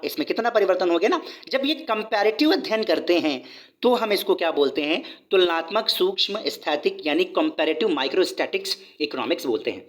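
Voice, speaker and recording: Male teacher who reads a bit from a book and then explains it in plain talk, chatty and repetitive. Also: high-pitched. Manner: conversational, repeats points and asks rhetorical questions. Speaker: economics teacher. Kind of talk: explanatory video lesson.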